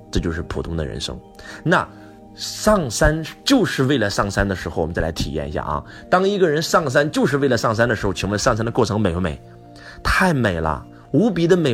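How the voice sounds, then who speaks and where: Man lecturing an audience, keeps throwing questions at them, lively up-and-down delivery, low-ish voice. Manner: animated, asks the audience rhetorical questions. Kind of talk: motivational lecture.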